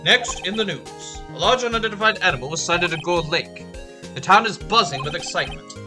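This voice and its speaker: Woman playing a formal game news anchor, brisk broadcast delivery, lively. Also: fairly low pitch, natural voice. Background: game music.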